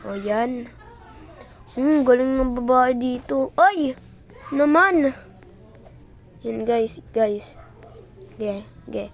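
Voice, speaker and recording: A young woman from the Philippines giving excitable, casual commentary while playing a video game, yelping and praising herself. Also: high-pitched, slow, pauses often. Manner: excitable, yelps and self-praise. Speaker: gameplay streamer.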